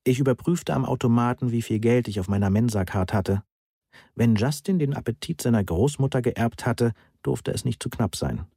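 A man narrating a first-person audiobook in a calm, even way. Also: medium pitch, moderate pace, vocal fry, slightly rough, no echo, clean studio sound.

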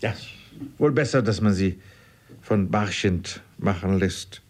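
A man voicing an excitable, fussy father, insistent and raising his voice. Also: low voice, slow. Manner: insistent, fretful, raised voice.

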